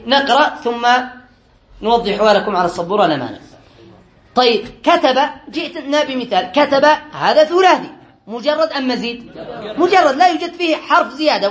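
A man's voice: very high-pitched, animated, a little fast, fairly bright tone, a faint crowd. A man teaching a class, going over quiz answers patiently and asking often whether everyone follows, with a light touch. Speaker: teacher of Arabic grammar. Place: classroom with a board.

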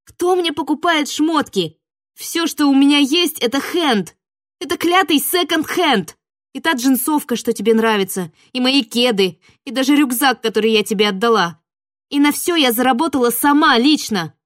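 A woman voicing a naive, flustered young sister in an audiobook, high and heated. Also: brisk, a bit bright, no room sound, clean studio sound. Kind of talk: audiobook character voice.

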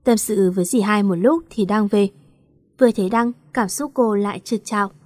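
A woman's voice: medium pitch, brisk, a little mellow, no echo, clean studio sound. A woman narrating a romance story in an emotive storytelling manner.

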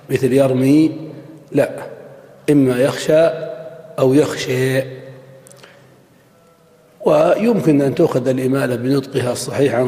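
A man, a scholar, giving a measured classroom lecture, repeating his examples and now and then clearing his throat. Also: mid-range voice, mellow. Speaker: Islamic scholar teaching Arabic morphology. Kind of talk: classroom lecture explaining a text. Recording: echoey hall with long reverb.

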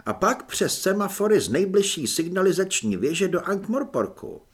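A fussy, formal newspaper man caught off balance, as a male reader plays him. His lines come out loud and exasperated, the pitch moving a lot. The voice carries a slight huskiness. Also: big pitch swings, husky, heavily acted. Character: flustered middle-aged male newspaper man. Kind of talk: audiobook character voice.

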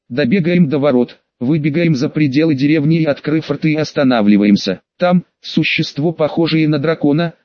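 A man giving first-person audiobook narration at an unhurried storytelling pace. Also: fairly high pitch, no room sound, dull audio. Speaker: audiobook reader.

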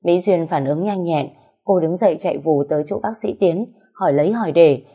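A woman narrating an audiobook story in a steady, even way. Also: lowish voice, brisk, breathy edge.

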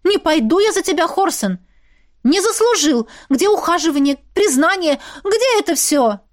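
A woman voicing a stubborn young witch heroine in loud, high, indignant outbursts, recorded dry and close. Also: animated, normal speed.

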